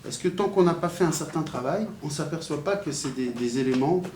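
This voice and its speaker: A man's voice: on the high side, a little fast, darkish tone. A man leading a group discussion, pressing the others with probing questions. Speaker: discussion moderator. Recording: echoey room with faint noise.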